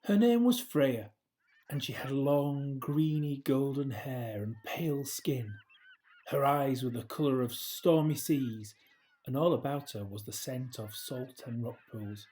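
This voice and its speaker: In a medium-pitched voice, a man tells a children's story the way a storyteller would, using deliberate pauses and measured, expressive phrasing.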